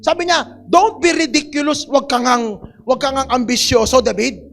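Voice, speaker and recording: A man's voice: extremely high pitch, normal speed, creaky, a bit bright, soft background music, full character voice. A man voicing a doubtful king who scolds and dismisses a boy in a sermon retelling. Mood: scornful.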